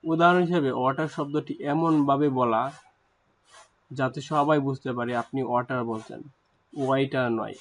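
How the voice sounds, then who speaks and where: A man teaching a language lesson, explaining terms slowly with hesitant pauses. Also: mid-range voice, fairly even intonation, rough recording. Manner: hesitant, frequent fillers and restarts.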